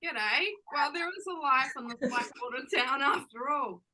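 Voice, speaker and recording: A woman's voice: sits high, animated, moderate pace, bright, forceful tone, rough recording. [name], a woman playing a brash Kiwi barmaid. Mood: sardonic. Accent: New Zealand with Australian twang. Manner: blunt, sarcastic, slangy banter. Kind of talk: amateur audio drama.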